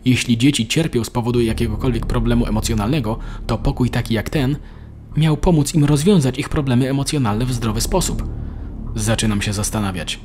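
A man's voice: mid-range voice, a little fast, darkish tone, slight background noise, close to an everyday voice. A man voicing an anxious, irritable middle-aged father in a storybook reading. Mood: grim. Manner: irritable, commanding. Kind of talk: storybook narration.

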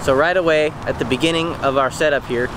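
A man's voice: fairly high pitch, fairly even intonation, fast talker, noisy background. A young man hosts an outdoor fishing tutorial on a riverbank. He talks viewers through each step in a casual, instructive way, often checking in with "okay?". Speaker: fishing channel host. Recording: loud outdoor river ambience behind voice.

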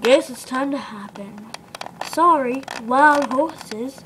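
A woman's voice: sits high, slow. A woman voicing a cheery female fairy godmother with a soothing, matter-of-fact manner. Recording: noisy home video.

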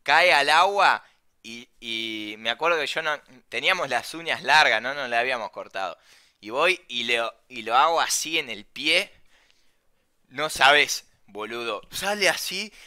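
Young man, Rioplatense accent, casual anecdote, slangy and animated, bright clear voice. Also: medium pitch, a little slow. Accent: Rioplatense Spanish. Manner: slangy, animated, swears freely. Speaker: storyteller.

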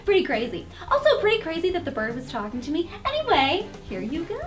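A woman's voice: extremely high pitch, huge pitch swings, fast talker, exaggerated voice. A woman playing a perky, chatty, puzzled young princess sister in a campy children's parody sketch.

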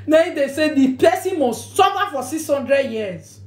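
A woman's voice: sits high, expressive, a little slow, roomy sound. A woman with a Nigerian accent, talking casually and animatedly on a live video, scolding and laughing as she mixes Pidgin and Yoruba.

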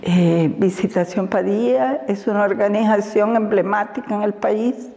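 Older Honduran activist woman, measured interview delivery with long pauses, lapel mic in a lingering reverb. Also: medium pitch, fairly even intonation, dark tone, soft background music. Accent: Honduran Spanish. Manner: slow, deliberate, reflective with frequent fillers and laughs. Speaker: women's rights defender. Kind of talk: interview answers. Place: indoors in front of a banner.

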